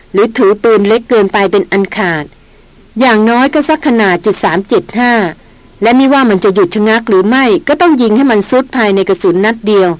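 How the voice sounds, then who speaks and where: Calm, slow-spoken veteran male hunter in an audiobook, read by a woman, dry close sound. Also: mid-range voice, no echo, lightly acted, poor audio. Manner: slow, steady explaining.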